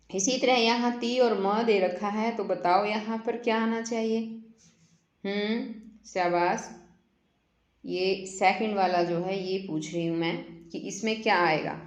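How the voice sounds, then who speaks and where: A woman's voice: medium pitch, a little mellow. A woman teaching a children's workbook lesson, patiently explaining step by step and asking the class questions. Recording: echoey room, dull lo-fi sound.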